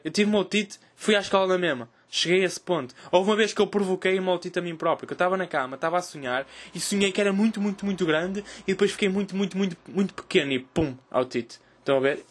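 Fast, high-voiced young European Portuguese man. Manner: animated, crude joking, loud cries in retold scenes. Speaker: host. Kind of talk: casual comic storytelling.

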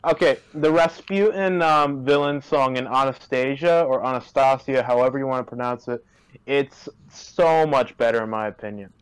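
A man's voice: medium pitch, moderate pace, clear, resonant tone, poor audio. A man chatting casually on a call, rambling and hesitant, with many fillers and restarts. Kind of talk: casual chat. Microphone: remote call.

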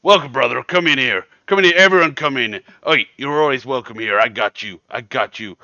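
A man voicing a boisterous, overfriendly leader of an anti-drink protest group, talking loudly and rambling. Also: mid-range voice, brisk, no room sound, lo-fi sound. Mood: welcoming.

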